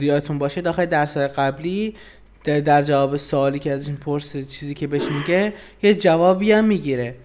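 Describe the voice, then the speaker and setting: A young adult man with a somewhat high voice leads a casual beginner English lesson. He reads words aloud slowly and carefully, pausing and restarting as he sounds them out. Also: a little mellow. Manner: slow, deliberate pronunciation of English words with hesitations. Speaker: English teacher.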